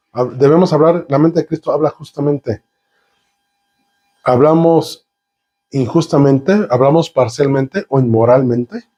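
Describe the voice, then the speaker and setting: His voice is mid-range with a dark tone as he delivers a sermon full of piled-up synonyms and rhetorical questions. He pulls the congregation in, conversing with them and putting questions to them.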